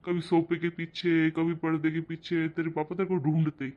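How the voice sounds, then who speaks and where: A man voicing a kindly, gentle uncle in a cartoon, slow and reassuring. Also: fairly high pitch, completely flat delivery, lo-fi sound, natural voice. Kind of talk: cartoon voice acting.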